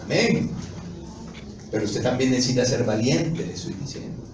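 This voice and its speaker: A man preaching a sermon emphatically, putting questions to his congregation and rising to loud exclamations. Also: medium pitch, animated, normal speed. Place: church. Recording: echoey hall from a distance, noisy.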